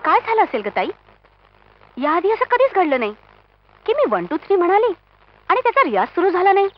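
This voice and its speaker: An actress playing a playful, chatty younger sister in a film. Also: female voice, extremely high pitch, very animated, fairly quick. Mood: worried. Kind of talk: film acting. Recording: dull film audio with faint noise.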